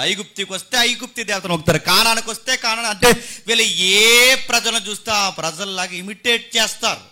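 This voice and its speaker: వేగంగా ఊగిసలాడే ఉచ్చస్వరపు బోధకుడు. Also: male voice, sits high. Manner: dramatic preaching with sudden loud and soft swings. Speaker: pastor. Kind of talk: Telugu sermon.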